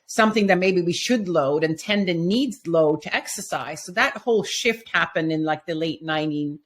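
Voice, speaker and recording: A middle-aged Swedish woman who teaches physical therapy as a professor answers interview questions. Her voice is fairly low, and she explains things in a measured way.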